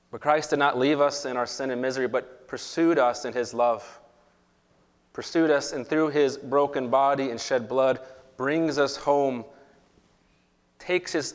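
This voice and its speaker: A pastor leading an Easter communion liturgy, speaking in a measured, earnest way, with a long cathedral-like echo around his voice. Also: mid-range voice. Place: church sanctuary. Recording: long reverb in a large church hall.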